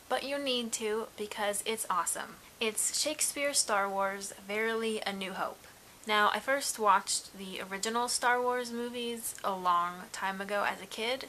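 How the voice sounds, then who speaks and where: A woman's voice: medium pitch, pushed and bright, poor audio. A woman reviewing books and announcing a giveaway in a casual, upbeat, chatty vlog. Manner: chatty and upbeat, with frequent "really". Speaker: book vlogger. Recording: faint hiss.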